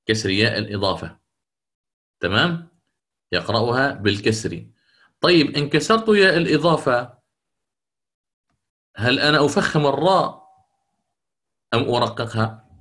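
Male recitation teacher, measured classroom delivery, repeats points for emphasis, mid pitch. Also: a bit bright. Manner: deliberate, repeats key points. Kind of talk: classroom lecture.

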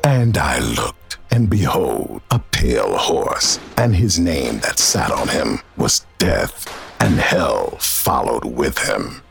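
Casting: a vengeful machine overlord in audio drama, bottomless rasping voice, grandiose villain monologues with wild swoops. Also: male voice, a bass voice, sing-song, slow, music in the background, heavily acted. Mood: threatening. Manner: grandiose, menacing pronouncements. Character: vengeful male rogue AI villain, menacing, boastful, contemptuous.

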